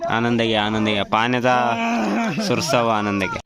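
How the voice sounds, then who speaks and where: A man's voice: medium pitch, sing-song, normal speed, creaky, a loud crowd. A man vlogging outdoors in a village near water, chatting casually and teasing on a handheld phone. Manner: playful, teasing. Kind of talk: casual vlog chat.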